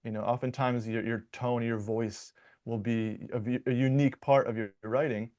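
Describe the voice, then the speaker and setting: Medium in pitch and moderate in pace, this young American man is a dialect coach from Michigan. He fields interview questions playfully and at ease, with frequent fillers and restarts.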